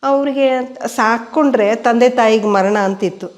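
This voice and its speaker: A woman's voice: fairly high pitch, unhurried. Older woman telling family stories. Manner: steady storyteller who voices quoted people. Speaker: interviewee. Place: indoors at home.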